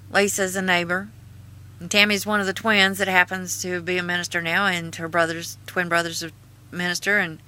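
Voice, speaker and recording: A woman with an Appalachian-style hillbilly twang casually reads her own writing aloud with asides, in a halting, folksy, earnest way. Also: on the low side, pushed and bright. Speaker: video host and author reading own memoir.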